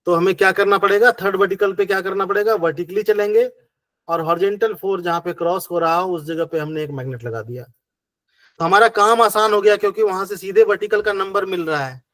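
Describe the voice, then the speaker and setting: Male teacher, Hindi accent, high-ish voice, patient step-by-step explainer, dry close sound. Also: fairly quick, fairly bright tone, no echo. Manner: patient, step-by-step, repeating rhetorical questions. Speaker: acupressure teacher. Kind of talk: online class explanation.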